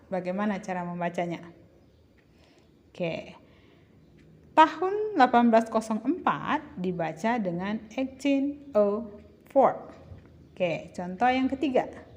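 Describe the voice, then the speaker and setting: Slow, patient woman tutor. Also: a little high. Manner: patient, addresses pupils as children, asks and answers own questions. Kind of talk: slow classroom explanation.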